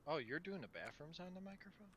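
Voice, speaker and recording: A man's voice: on the high side, sing-song, fast talker, a bit bright, a little hiss or hum. A man on a voice call, dropping dry teasing remarks. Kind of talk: casual chat on voice call.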